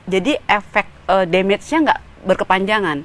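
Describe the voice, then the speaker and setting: A woman hypnotherapist answering interview questions thoughtfully, pausing often and mixing in English phrases. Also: mid-range voice, steady tone.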